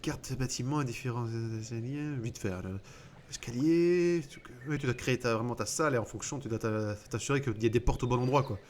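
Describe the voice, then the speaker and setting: A man's voice: mid-range voice, brisk, a little mellow, a little hiss or hum. Sarcastic man commentating a video game. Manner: sarcastic and joking, swears, reads game text aloud with mocking asides. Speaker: let's play host. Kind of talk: casual gaming commentary.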